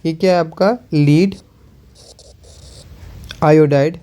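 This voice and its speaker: Man teaching chemistry, warm, mellow voice, repeats key points. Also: on the high side. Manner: repeats questions and answers them, slow while writing. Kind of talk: chemistry lesson.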